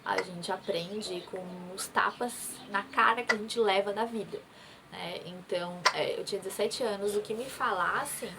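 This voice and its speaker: A woman's voice: mid-range voice, moderate pace, very noisy. A woman in her twenties from Brazil, earnestly telling her own story to camera in a conversational vlog, often quoting what others said. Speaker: vlogger.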